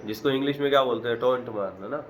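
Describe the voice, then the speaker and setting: A man's voice: mid-range voice, a little hiss or hum. A man teaching a Quran lesson, reciting short phrases in Arabic and then explaining each one in plain, conversational words with earnest, repetitive emphasis.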